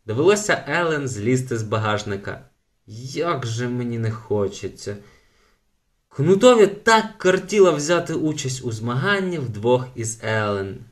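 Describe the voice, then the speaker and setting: A man's voice: mid-range voice, very animated, a little slow. Man narrating a children's audiobook. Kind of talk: scripted storybook narration.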